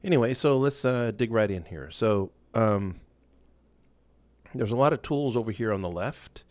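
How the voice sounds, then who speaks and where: Deep-voiced man giving a relaxed screen tutorial. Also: normal speed, dry recording. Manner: relaxed, loose, many fillers and restarts. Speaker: instructor. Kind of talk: casual screen-share tutorial.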